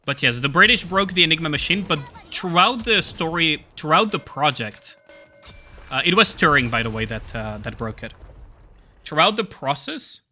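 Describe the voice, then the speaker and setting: A man's voice: fairly high pitch, expressive, moderate pace, bright, forceful tone, slight background noise. A man streaming a game, chatting casually with viewers and swearing freely. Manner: swears casually, reads story lines in his own voice. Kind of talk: casual live-stream chat while reading game dialogue aloud.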